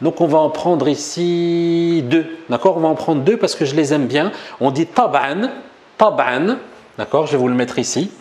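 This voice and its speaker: A man with a French accent and a voice on the high side teaches a relaxed Arabic lesson at a whiteboard. He chats and jokes, then says new words slowly and repeats them.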